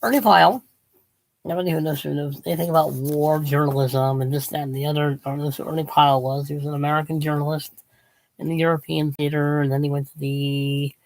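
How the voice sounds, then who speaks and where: A man's voice: on the high side, creaky, rough recording. A man who is losing his voice, talking casually and rambling about his books, restarting sentences and drifting off topic. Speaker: channel host. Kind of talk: casual rambling book talk.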